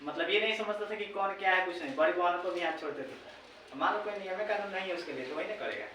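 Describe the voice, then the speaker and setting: Echoey teacher with a bright high voice. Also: male voice, fast. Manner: chatty, repeats himself, keeps checking in with listeners. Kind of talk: retelling a story for students. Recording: very echoey room, voice far from mic, faint background noise.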